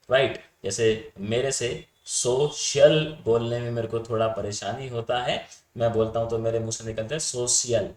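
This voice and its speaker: A man gives an exam-prep lecture in a mid-range voice, chatty and informal. He keeps calling his students "sir" and checking that they understand. The sound is roomy and echoey. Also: medium pitch. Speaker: teacher. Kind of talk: Hindi-English lecture on communication theory.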